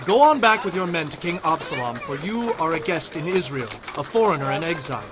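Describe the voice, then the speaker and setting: A man's voice: fairly high pitch, animated, a little fast, noisy background, lightly acted. An actor playing a solemn exiled king, earnest and commanding, in a dramatized audio Bible. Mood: earnest, generous. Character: sorrowful exiled king, resigned yet commanding.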